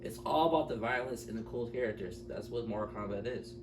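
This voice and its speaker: A fast-talking man with a medium-pitched voice co-hosts a casual movie review chat, informal and strongly opinionated, often repeating himself to drive a point home. The mic is distant and roomy, with faint noise.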